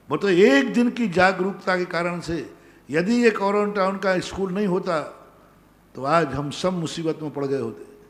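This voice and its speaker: Speaking high, with a long reverb tail trailing his words, a male Jain monk answers devotees' questions in a sermon. He is emphatic and repeats his commands, his voice filling a large pandal that is almost empty.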